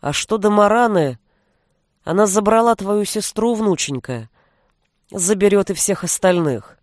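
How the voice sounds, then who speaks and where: A woman's voice: medium pitch, expressive, a little slow, no room sound, lightly acted. A woman reading an audiobook, voicing a stern old man, a grandfather and sorcerer, with a dry, commanding manner. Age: older.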